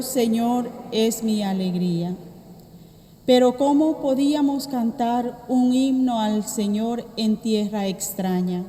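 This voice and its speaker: A woman reading scripture and psalm at Mass in a solemn, deliberate way, in an echoing church. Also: on the high side, warm tone. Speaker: lector at Mass. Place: reverberant church. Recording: echoey church with long reverb.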